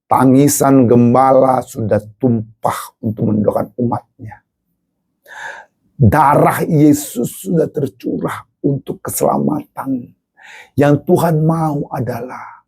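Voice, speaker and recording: A pastor preaches a dramatic sermon, firing off repeated rhetorical questions and swinging between low Bible reading and high exclamations. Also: slow pace, creaky, a little mellow, slightly rough.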